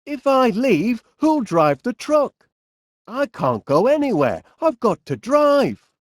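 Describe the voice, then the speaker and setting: A middle-aged, absent-minded inventor from an animated comedy game speaks with a Northern English accent in an exaggerated voice. Taking it slowly, he chats in a musing, fussy, polite, cheerfully bumbling and hesitant way, his pitch bouncing up and down. The recording is dry and close, with no room sound.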